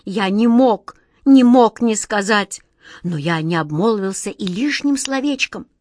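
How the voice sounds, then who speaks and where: A woman's voice: mid-range voice, animated, normal speed, dry recording, clean studio sound, natural voice. A woman voicing a huge male genie in a storybook, sobbing and pleading. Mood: remorseful.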